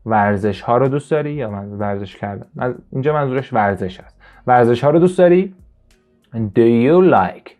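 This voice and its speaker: A man whose first language is Persian, teaching an English listening lesson and slowly repeating English phrases for his students. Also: medium pitch, expressive, dull audio, faint music behind. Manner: slow, drawn-out repetition of English phrases.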